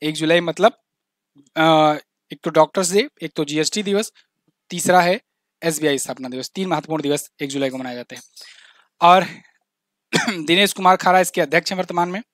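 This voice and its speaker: Male exam-prep tutor, high-pitched, talky, repeats facts, dead-dry close recording. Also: normal speed, pauses often, fairly bright tone, dry recording. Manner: chatty, explains with asides and little jokes; repeats key facts, says "ठीक है ना" often. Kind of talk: current affairs quiz lesson.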